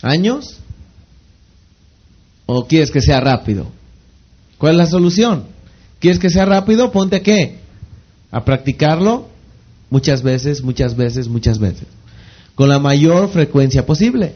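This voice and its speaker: A man's voice: a little high, expressive, takes it slowly, pauses often, breathy edge. A man giving a motivational training talk on network marketing, repeating phrases for emphasis and constantly asking the audience rhetorical questions that he answers himself. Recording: slightly dull lo-fi recording.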